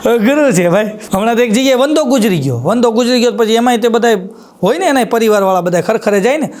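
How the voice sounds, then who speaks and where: A man's voice: extremely high pitch, expressive, fast, darkish tone. A man telling jokes on a live stage show with a Kathiyawadi Gujarati accent, spinning stories with repeated punchlines. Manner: storytelling with repeated punchlines, chuckles at his own jokes. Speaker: stand-up comedian.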